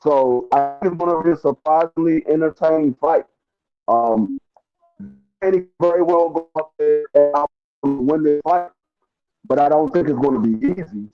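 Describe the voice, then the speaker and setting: A man on a boxing panel giving a casual fight prediction, his voice coming through robotic and metallic from a bad mic connection, halting with many restarts. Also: fairly high pitch, muffled recording, over loud music. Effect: robotic, metallic glitching voice from a bad mic connection.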